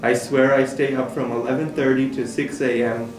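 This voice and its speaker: A staff member, a man with a medium-pitched voice and level tone, reads a child's camp letter aloud at a moderate pace, stumbling a little over the written words. The mic is distant in an echoey room, with guitar music playing behind him.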